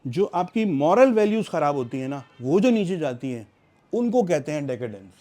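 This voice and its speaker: A middle-aged man explaining English vocabulary in a lesson, reading English example sentences slowly and deliberately. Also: a little high, very animated, mellow.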